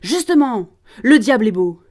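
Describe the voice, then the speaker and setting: A woman voicing a mocking, scheming male prosecutor priest who sneers and shouts, in a read-aloud play. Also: mid-range voice, steady tone, normal speed, close to an everyday voice. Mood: shouting. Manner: sneering, loud and forceful.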